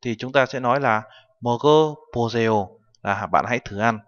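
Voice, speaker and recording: A man's voice: medium pitch, quick pace. A man teaching a language lesson, patiently explaining and translating each term word by word. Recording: dull recording with long reverb.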